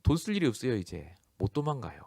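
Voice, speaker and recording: A man's voice: medium pitch, sing-song, fast, gravelly, a little mellow, breathy edge, no room sound, clean studio sound. A male pastor delivering a storytelling sermon, acting out the people he quotes and laughing often. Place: church.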